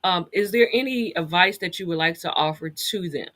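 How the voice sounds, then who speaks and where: Bright-voiced woman interviewer, fairly low pitch. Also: normal speed. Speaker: interview host. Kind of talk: conversational interviewing.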